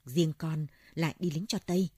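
An uneasy old landowner, read by a woman narrator, pleads politely for guidance. The low, husky voice stays dry and close. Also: steady tone, normal speed, dark tone, no room sound. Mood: worried. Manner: pleading, deferential. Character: old wealthy landowner, anxious, respectful to monk.

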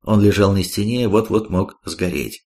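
A man reading the part of a blunt, sharp-tongued male warrior in an audiobook. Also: deep voice, normal speed.

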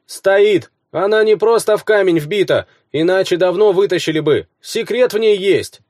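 A man's voice: high-pitched, normal speed, darkish tone, no room sound, pitched above the performer's own voice, natural voice. Young soldier, male reader, deferential, reports in a raised voice, dry audiobook sound. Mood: dutiful.

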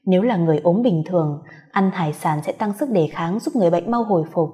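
Female storyteller, steady scripted narration, mellow tone. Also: on the low side, fast. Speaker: story reader.

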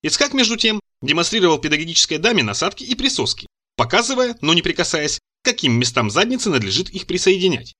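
An expressive male narrator reading a satirical story aloud. His voice is bright and a little higher than most men's, and his intonation rises and falls in lively arcs. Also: fast, few pauses. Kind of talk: audiobook narration.

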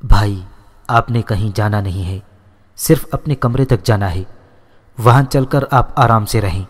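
A man voicing a polite younger brother who gently coaxes his sibling, in a storybook reading with a long reverb. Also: on the low side, close to an everyday voice. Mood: coaxing. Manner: coaxing, polite. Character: younger brother, soothing and obedient.

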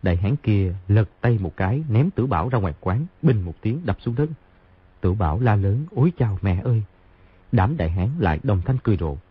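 A man narrating a martial-arts novel in an expressive, brisk storytelling way. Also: on the low side, husky. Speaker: audiobook narrator. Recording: tinny phone-like sound.

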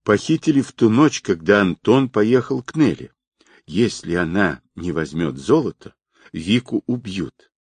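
A man voicing a desperate woman who pleads in a hushed, tearful way. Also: lowish voice, big pitch swings, unhurried, breathy edge, no echo, exaggerated voice. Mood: pleading.

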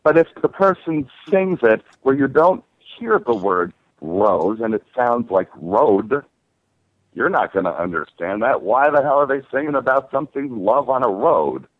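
Animated announcer-like man on a phone-like line. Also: mid-range voice, measured pace, dry recording. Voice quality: clear diction, announcer-like voice. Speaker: singer being interviewed. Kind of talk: conversational interview.

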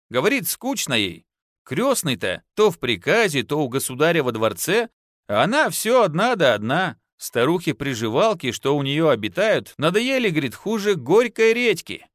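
A man's voice: fairly high pitch, fairly bright tone, no room sound, clean studio sound, pitched above the performer's own voice. A man voicing an earthy, teasing young peasant wife in an audiobook, with folksy, scolding speech. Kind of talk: audiobook narration.

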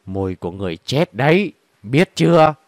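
A man's voice: medium pitch, normal speed, dry recording. A man voicing an undead creature posing as a man, cold and resentful, speaking through clenched teeth. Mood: menacing. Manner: flat, hissing through teeth.

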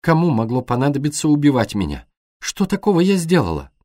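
A man's voice: on the high side, very animated, brisk, a little mellow, dry recording, studio quality, voice pushed up. A man reading and voicing a frightened, emotional young foreign woman in an audiobook, speaking in a pleading, breathless way. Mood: shaken.

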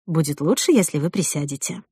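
A man's voice: on the high side, animated, brisk, dark tone, slightly rough, no echo, clean studio sound, voice pushed down. A woman doing a polite hotel manager. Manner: courteous, hesitant.

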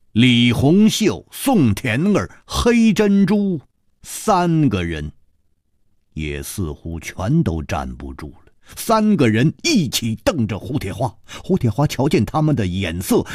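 A male storyteller narrates a martial-arts novel for radio, his pitch swinging widely with every turn of the tale. He reads at a slow, measured pace in a husky voice. The recording is dry and close. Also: darkish tone, no echo. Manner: dramatic, highly varied delivery.

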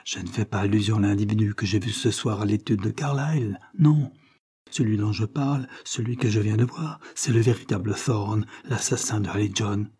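A man's voice: lowish voice, steady tone, normal speed, dark tone, slightly rough. A man reading the part of a shaken young man on the run, who speaks urgently and insistently. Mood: agitated, insistent.

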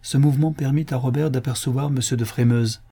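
Narrator: man, husky, mellow, measured literary reading. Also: mid-range voice, fairly even intonation. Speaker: audiobook narrator. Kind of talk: scripted narration.

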